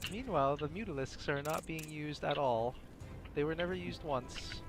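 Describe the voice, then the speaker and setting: A man's voice: a little high, normal speed, faint music behind. A man casually commenting on a game he played, self-mocking and playful with hesitant fillers.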